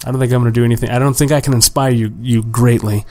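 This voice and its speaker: A young man's mid-range, slightly raspy voice comes at a rapid-fire clip, steady in tone and a little mellow, worn from a long day of talking. He hosts a solo home podcast, rambling casually and profanely about his week with lots of self-deprecation. The mic is a home desk model with no pop filter.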